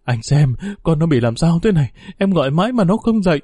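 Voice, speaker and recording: A man's voice: fairly high pitch, big pitch swings, fairly quick, dark tone, husky, no room sound, studio quality, voice pushed up. A man voicing a village mother whose voice turns pleading and distraught. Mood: anxious. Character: frantic grieving village mother.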